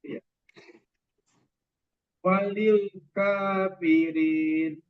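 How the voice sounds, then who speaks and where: A man reciting as a student in an online class, repeating each phrase slowly and carefully after corrections. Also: sits high, steady tone, clear, resonant tone. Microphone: video call. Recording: tinny phone-like call audio.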